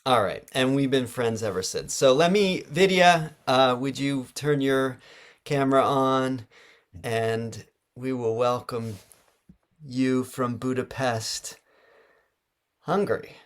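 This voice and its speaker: A man's voice: medium pitch, slow. Casual male host, stumbling over words. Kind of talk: live interview over video call.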